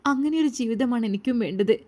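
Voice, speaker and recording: A shy, tender young bride from a storybook, played by a woman narrator. She answers in short, soft, raised tones with a mellow warmth. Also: fairly high pitch, quick pace, pitched above the performer's own voice, close to an everyday voice.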